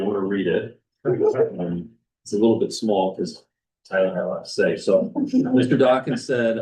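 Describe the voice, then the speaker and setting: A man giving a school board report, reading principals' feedback aloud in a steady manner. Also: fairly low pitch, poor audio. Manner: steady, reads quotes aloud.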